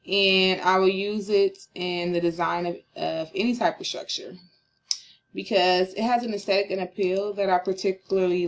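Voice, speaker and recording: A young woman gives a class presentation late in a long day, and her voice is a little low. She sounds tired and slurs slightly. She talks casually and rambles, with fillers and restarts. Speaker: student presenter.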